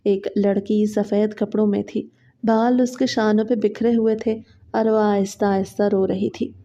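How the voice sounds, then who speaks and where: A woman narrating a horror story in the first person, in a slow, steady, scripted way, in a dull lo-fi recording. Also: mid-range voice.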